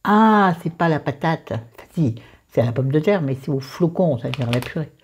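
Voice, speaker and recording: Chatty woman with a dark, husky voice. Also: sits low, animated, moderate pace. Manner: chatty and digressive, with joking asides to herself. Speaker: cooking vlogger. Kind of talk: casual recipe demonstration.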